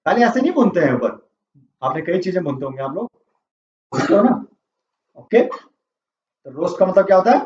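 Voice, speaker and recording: A man's voice: high-pitched, very animated, normal speed, long pauses, darkish tone. Man teaching vocabulary in a roomy classroom. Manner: quizzing and repeating answers. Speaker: English teacher. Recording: roomy, distant, dull classroom audio.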